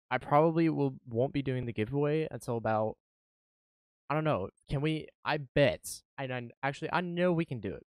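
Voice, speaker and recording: A man's voice: medium pitch, clean tone, no room sound. A man chatting casually to his channel's viewers, eager and rambling, often restarting his sentences. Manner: eager, rambling, self-correcting. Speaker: YouTuber. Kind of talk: casual vlog chat.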